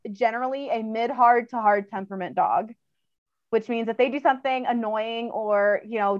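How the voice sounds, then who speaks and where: A woman's voice: fairly high pitch, dry recording. A woman who trains dogs, speaking as an interview guest in a casual, chatty way, full of fillers and laughter, on slightly dull audio.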